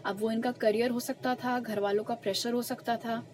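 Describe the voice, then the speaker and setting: A young woman with a fairly high voice walks listeners through a tarot reading in an earnest, emphatic way. A faint hiss sits under her voice. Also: steady tone, poor audio. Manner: slow, soft murmured questions while shuffling cards. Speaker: tarot reader. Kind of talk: pick-a-card tarot reading.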